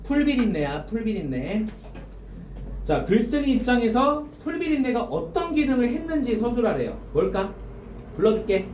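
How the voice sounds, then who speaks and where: A male teacher walks a classroom through exam questions, quizzing the students and repeating the key phrases. His pitch swings widely as he talks. He is picked up from a distance in an echoey classroom with faint background noise. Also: very animated, normal speed, a little mellow. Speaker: high school teacher. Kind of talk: classroom lecture going over exam questions.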